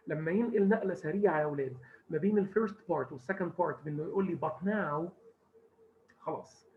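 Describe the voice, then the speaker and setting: Egyptian male English teacher, higher voice, lo-fi recording with faint hiss, walks students through rules step by step. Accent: Egyptian Arabic. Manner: explains step by step, stresses words carefully. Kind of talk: grammar lesson in Arabic mixing English.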